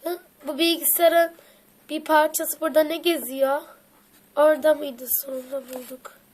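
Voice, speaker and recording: A woman with a high, light voice plays through a toy story, voicing each little figure herself. Her lines bounce between playful urging and bickering back-and-forth. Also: a little mellow. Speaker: toy video creator.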